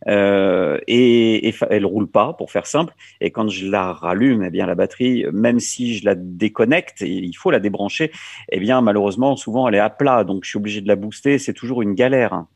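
A man's voice: lowish voice, brisk, vocal fry, dry recording. A man chatting casually as a co-host on a radio show. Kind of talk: casual chat.

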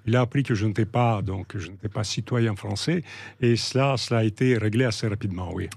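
A man's voice: on the low side, gravelly, darkish tone, husky, no echo. Russian-accented man, middle-aged, hesitant and reflective, close dry mic. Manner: measured, hesitant, many fillers and restarts. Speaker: guest, novelist. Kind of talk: reflective interview talk.

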